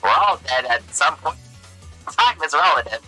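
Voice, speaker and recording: Deep pitch shifted demon guy with a radio filter on it, swoopy and super sharp, greets you all grand, podcaster goofing with a voice changer. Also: very animated, moderate pace, soft background music, full character voice, poor audio. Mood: grandly welcoming. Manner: theatrical, grandly welcoming. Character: cheery male radio demon host of the Void. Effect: voice changer, deeper pitch-shifted radio-style voice.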